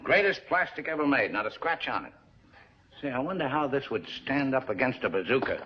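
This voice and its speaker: An actor playing a confident businessman in a 1950s film, calmly persuasive as he shows off a product. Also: mid-range voice, extremely slow, loud music behind the voice. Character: brisk, self-assured businessman showing off plastic. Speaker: businessman demonstrating plastic. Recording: dull old film soundtrack, faint hiss.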